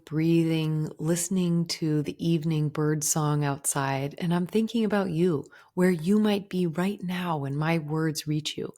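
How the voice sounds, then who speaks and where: A woman in her forties, a podcast host, sharing a gentle, earnest personal reflection. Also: lowish voice. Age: 40s. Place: indoors.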